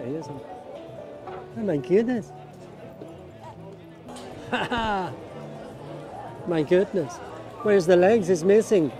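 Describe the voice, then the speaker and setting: Amid crowd noise and background music at a busy street market, a middle-aged vlogger gives casual tour commentary. His voice sits on the high side yet has a dark tone, and he speaks enthusiastically, frequently exclaiming and repeating phrases.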